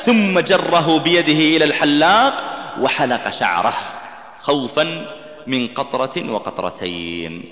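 Man preaching, kinda high voice, gets really worked up, big echoey hall. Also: expressive, unhurried, a bit bright, muffled recording. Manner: impassioned, voice climbing high and tense at dramatic peaks; chants scripture in a melodic recitation. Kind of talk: emotional sermon storytelling. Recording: echoey hall with long reverb.

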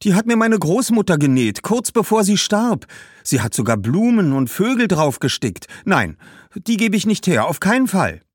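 Male narrator doing a bright young village girl, eager and earnest, lively, dry sound. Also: high-pitched, moderate pace, breathy edge, no echo, pitched above the performer's own voice, full character voice. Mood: eager bargaining.

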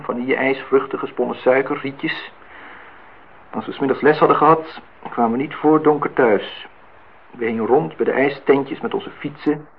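An older, husky-voiced man with a mid-range pitch acts in a Dutch radio play, heard through a tinny, muffled, phone-like old radio recording. His character is well-off and nostalgic, needling and courting the host with formal address and dry teasing.

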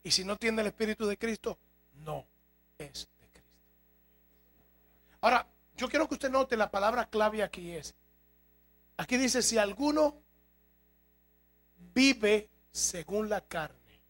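A man's voice: sits high, normal speed, long pauses, a bit bright. A man preaching a sermon to his congregation, emphatic and full of rhetorical questions. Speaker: pastor. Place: church.

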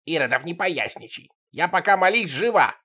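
A grumpy, threatening old grandmother from a spoken comic story, as a male reader puts her on. She barks short, menacing demands in a fairly high voice that swings sharply up and down. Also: expressive, normal speed, sharp tone, slightly rough, heavily acted. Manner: curt and menacing.

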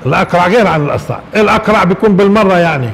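A man's voice: sits high, lively intonation, very fast, gravelly. A man gives a religious lecture to a live audience, asking rhetorical questions and often chuckling. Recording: reverberant hall with faint noise.

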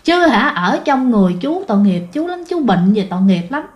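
A woman voicing an older female spirit healer who scolds and then gently coaxes a ghost. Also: a little high, sing-song, a little fast, lo-fi sound. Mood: coaxing.

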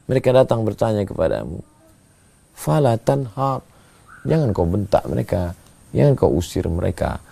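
Male preacher, low and gravelly, shifts from drawn-out chanting to pointed scolding. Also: big pitch swings, mellow. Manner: swings from slow drawn-out chanting to quick emphatic scolding. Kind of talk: sermon with Quran recitation.

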